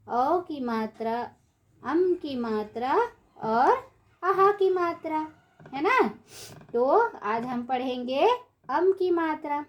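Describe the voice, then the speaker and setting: A woman teaching young children a reading lesson, spelling words out syllable by syllable and repeating each one for the class to echo, in a sing-song classroom tone. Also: on the high side. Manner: asks and answers her own questions in a sing-song classroom tone. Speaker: primary school teacher.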